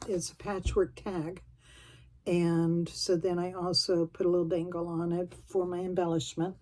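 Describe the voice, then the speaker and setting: A middle-aged woman with a warm, lowish voice leafs through a craft journal on her vlog. She chats casually and rambles, folksy and somewhat self-deprecating.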